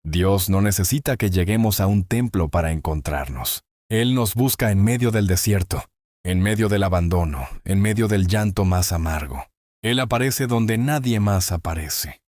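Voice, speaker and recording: Solemn low-voiced man narrating Bible reflections. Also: animated, a little mellow, no room sound, clean studio sound. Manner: solemn, measured, slow with drawn-out phrases. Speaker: devotional narrator. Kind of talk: scripted inspirational Bible narration.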